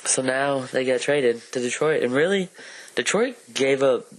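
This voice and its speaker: A man's voice: medium pitch, expressive, moderate pace. A man co-hosting a casual chat about movies and sports, rambling with lots of fillers. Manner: rambling, filler-heavy, hedging. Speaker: podcast co-host.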